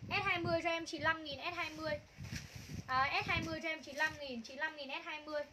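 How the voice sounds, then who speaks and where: A woman's voice: high voice, steady tone, fast, background noise. A woman runs a live clothing sale, calling out prices and item codes over and over in a gushing sales patter. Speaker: livestream clothing seller.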